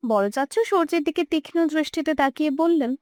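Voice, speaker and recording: A woman's voice: high voice, brisk, a little mellow, no room sound, studio quality. A young woman narrating a romantic audio story with emotive, dramatic delivery. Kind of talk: scripted narration.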